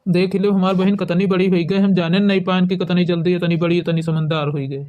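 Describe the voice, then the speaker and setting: A man's voice: high voice, little pitch movement, brisk, muffled recording, natural voice. A helpless, henpecked village brother played by a man in a comedy skit. He speaks with an Awadhi accent, sounding loving yet aggrieved, in a resigned, complaining manner. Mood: proud.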